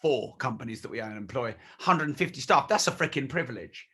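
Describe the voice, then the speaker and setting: Bright, emphatic man in his forties. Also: mid-range voice, lively intonation, fairly quick, slightly rough. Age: 40s. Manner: emphatic, blunt, swears freely. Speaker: interview guest. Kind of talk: candid conversational interview.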